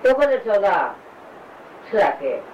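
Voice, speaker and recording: Querulous older woman, wildly swooping pitch. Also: very animated, normal speed, darkish tone, lo-fi sound. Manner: querulous, scolding, repetitive. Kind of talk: agitated complaining in casual home talk. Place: indoor room at home. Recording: distant mic, faint background noise.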